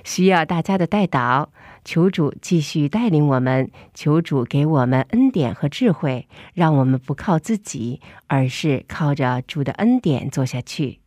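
A woman radio host talks casually through a face mask. Her voice is low and mellow, recorded dry in a studio. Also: expressive, unhurried, hardly any pauses, no room sound. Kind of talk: casual co-hosted programme talk.

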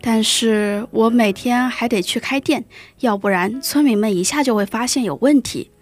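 Woman voicing an anxious storybook shopkeeper, high and hushed, urgent. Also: moderate pace, natural voice. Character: anxious shopkeeping villager friend. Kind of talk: storybook reading.

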